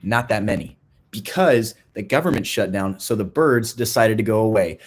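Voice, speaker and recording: A young man giving a playful, mock-serious talk to a youth group, rambling with restarts and a deadpan tone. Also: fairly low pitch, normal speed. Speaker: youth ministry speaker.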